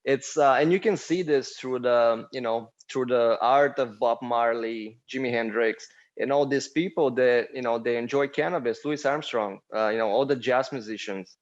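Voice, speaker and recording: In a casual interview chat, a Bulgarian man who co-founded a cannabis business talks easily, filling his speech with plenty of "um" and "you know." His mid-range voice moves at normal speed with hardly any pauses, and the sound is lo-fi.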